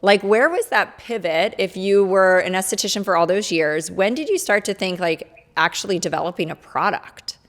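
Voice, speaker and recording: A woman's voice: mid-range voice, fairly bright tone. Woman podcast host, effusive and chatty, mid-range voice. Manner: enthusiastic, effusive, quick to affirm. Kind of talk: casual interview chat.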